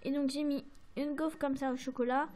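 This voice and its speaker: High-voiced French woman chatting about crafts. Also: little pitch movement, moderate pace, darkish tone. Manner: chatty, hesitant, many fillers and apologies. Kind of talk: casual show-and-tell to camera.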